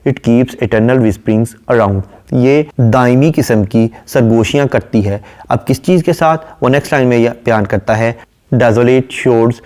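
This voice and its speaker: A man giving a literature lecture, reading quoted English verse slowly and then explaining each line. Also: medium pitch, darkish tone.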